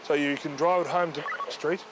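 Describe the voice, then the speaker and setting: A man's voice: fairly high pitch, fairly even intonation, moderate pace. A man with a New Zealand accent, a police officer explaining and instructing in a firm, matter-of-fact way. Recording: outdoor location sound, vehicle noise.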